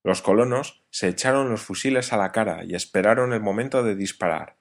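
A man narrating a novel as an audiobook, in a measured storytelling reading. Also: lowish voice.

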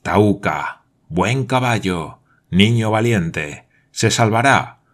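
A man voicing a calm laconic Patagonian guide. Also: lowish voice, heavily acted. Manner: slow, calm, clipped broken phrases.

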